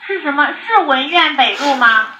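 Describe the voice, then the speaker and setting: A woman's voice: high-pitched, expressive, normal speed, bright, forceful tone. A woman working as an emergency dispatcher over a landline phone, repeating questions and instructions insistently and impatiently. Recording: roomy phone call recording, faint noise.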